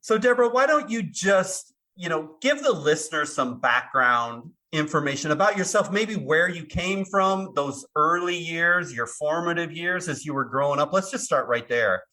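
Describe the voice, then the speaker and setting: A man's voice: on the high side, expressive, moderate pace, few pauses, sharp tone. A man hosting a podcast interview, introducing his guest politely and encouraging her to talk. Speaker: podcast host.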